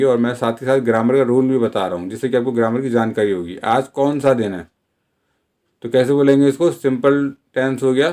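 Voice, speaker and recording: A man hosting an English lesson, explaining sentences in Hindi and repeating each English example slowly and deliberately, checking in often with short asides. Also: medium pitch, a little mellow. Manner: frequent "theek hai" check-ins. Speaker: English teacher.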